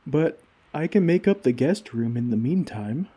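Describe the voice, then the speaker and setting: In an ASMR comfort roleplay, a male audio performer plays a gentle giant speaking to a tiny friend with formal, courteous tenderness and old-fashioned phrasing, in a warm, reassuring mood. His voice is medium-pitched, warm and husky, at normal speed with lively intonation.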